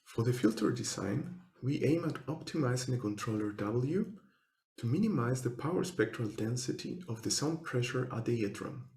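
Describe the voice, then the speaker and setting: A researcher gives a scripted technical presentation, speaking formally in measured, step-by-step phrases. He has a mid-range, slightly mellow voice with lively intonation, recorded in an echoey room.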